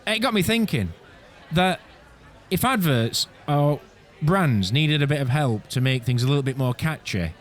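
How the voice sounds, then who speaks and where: A man's voice: on the high side, animated, moderate pace. A man hosting a casual chat with friends, bossily running a game. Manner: bossy, keeps calling "right, here we go". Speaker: podcast host running the game.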